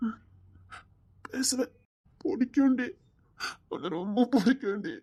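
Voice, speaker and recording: A man with a Tirunelveli Tamil accent playing an older man on duty, a gruff yet tender lover who stammers. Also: extremely high pitch, takes it slowly, mellow, exaggerated voice. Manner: stammers, turns from cold to tender. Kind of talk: romantic short-drama acting.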